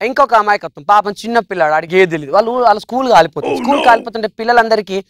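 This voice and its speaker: A man doing stand-up comedy on a studio stage, telling jokes in quick runs and slipping into quoted voices. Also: sits high, fairly bright tone, faint music behind. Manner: rapid storytelling, switches into quoted voices.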